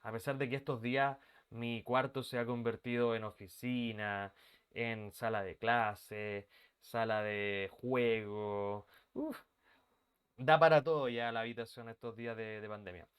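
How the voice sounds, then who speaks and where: A man's voice: mid-range voice, clean tone. A man teaching a live online English class from his bedroom, chatting casually and greeting students by name. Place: bedroom used as an office. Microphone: computer mic on a video call.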